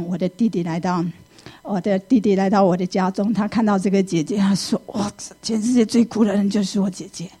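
A middle-aged woman, giving a lively personal faith testimony and acting out her own past thoughts. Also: mid-range voice, husky. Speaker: church member giving testimony.

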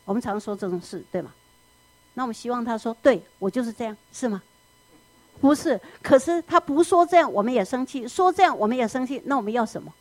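A woman preaching in an animated storytelling manner, often asking the listeners questions. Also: a little high, quick pace, no echo. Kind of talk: sermon.

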